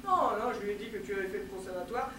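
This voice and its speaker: An actor in a one-man stage show playing a calm, friendly young actor who speaks in a plain, reassuring way. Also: sits high, racing, background noise, voice pushed down, natural voice. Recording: echoey live stage from far off.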